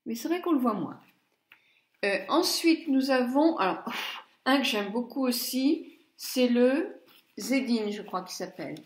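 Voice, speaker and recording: A middle-aged woman reviews eyeshadows in a slow, chatty way, murmuring asides to herself. Her voice sits a little high, and the room around her echoes noticeably. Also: expressive. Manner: chatty, muttering asides, stumbles over English names. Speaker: beauty blogger. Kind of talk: casual makeup palette review.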